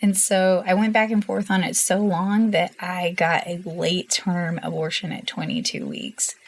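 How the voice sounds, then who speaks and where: A woman's voice: lowish voice, expressive, a little slow, vocal fry. A woman guest in an interview, telling her story in an earnest, emotional way and laughing often. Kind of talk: candid personal interview.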